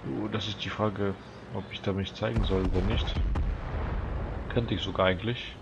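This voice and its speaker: Stuffed up with a cold, a teenage boy hosting a gaming channel narrates his own gameplay for viewers in a creaky voice on the low side, at normal speed. The sound is lo-fi with a noisy background, and his manner is chatty, relaxed, and aimed at his viewers.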